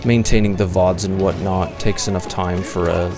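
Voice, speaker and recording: A low-voiced man rambling through a casual livestream, circling his thoughts with fillers and self-deprecating asides. Music plays clearly underneath his voice. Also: steady tone, moderate pace. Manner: meandering, self-deprecating, many fillers and restarts. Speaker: streamer. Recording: music playing clearly behind the voice.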